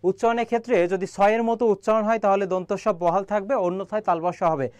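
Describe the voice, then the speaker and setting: A young man runs a live-streamed grammar lesson, his voice sitting fairly high for a man. He keeps asking the viewers questions and reads their comments back to them. The sound is dry and close, with no room around it. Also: fairly even intonation, quick pace, a little mellow, smooth, no room sound. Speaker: online admission-prep teacher.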